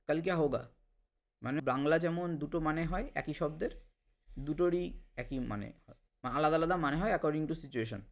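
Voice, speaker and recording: A man with a slightly raised voice gives a spoken language lesson. He says each word, repeats it carefully, and drops in short English phrases as he goes. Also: a little high. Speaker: language teacher.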